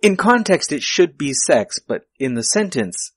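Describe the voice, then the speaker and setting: A man's voice: a little high, sing-song, unhurried, no room sound, clean studio sound. A man, hosting a podcast and casually picking apart a film with the others. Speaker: podcast host. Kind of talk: casual film commentary chat.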